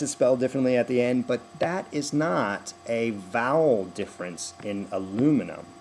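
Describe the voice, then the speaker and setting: With a mid-range, slightly mellow voice, a man from the United States who works as a dialect coach speaks straight to camera against a little background noise. His explanation of accent stress is full of fillers and restarts, and he shows sentence stress through examples.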